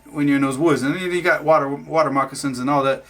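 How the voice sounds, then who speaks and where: A man from Florida recounts his past in an easygoing, rambling storyteller's voice. His tone sits a little high and comes across bright and forceful, with plenty of fillers and self-corrections. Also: fairly even intonation, quick pace. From Florida, USA. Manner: rambling, many fillers and restarts, laughs at himself. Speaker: narrator of his own life story. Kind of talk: casual spoken storytelling.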